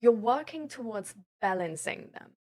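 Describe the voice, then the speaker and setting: On a casual livestream about mental health and self-improvement, a young woman talks with her chat viewers in a highish, slightly mellow voice with lively intonation at normal speed. Her rambling, informal explanations are full of filler tags.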